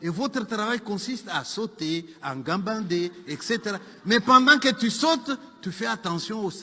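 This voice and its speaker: A man voicing a calm, persuasive male zoo manager explaining a job. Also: high voice, slightly rough, long reverb tail, exaggerated voice. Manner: explanatory, matter-of-fact.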